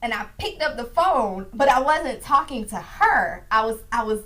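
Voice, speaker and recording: A woman hosting a relaxed chat show with a slightly high voice. She tells stories in an animated way and acts out the quoted lines, even though she is tired after a long day. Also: normal speed. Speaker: host. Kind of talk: casual chat.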